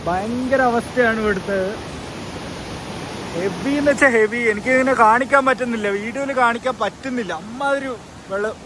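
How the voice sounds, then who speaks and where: A man with a Kerala Malayalam accent chatting casually as a travel vlogger, dropping English words into his Malayalam. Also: extremely high pitch. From Kerala, India. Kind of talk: casual vlog chat. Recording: noisy outdoor travel audio, rushing background noise.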